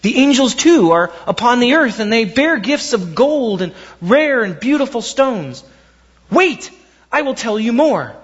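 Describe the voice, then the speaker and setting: A man doing an excited tall tree. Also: very high-pitched, unhurried, husky, lo-fi sound, voice pushed up, full character voice. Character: tall old forest tree, excited herald.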